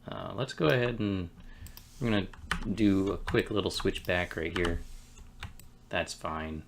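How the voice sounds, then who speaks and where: A man streaming game development, thinking aloud in a relaxed, musing way as he works at his computer. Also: low voice, gravelly, noisy background. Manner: relaxed, musing, talks to himself between pauses. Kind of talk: casual thinking-aloud commentary while working.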